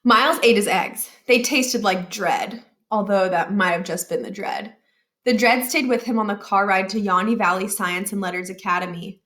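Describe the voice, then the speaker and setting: A woman storybook reader brings a children's novel to life as an expressive storyteller. Her voice is mid-range and her pace moderate.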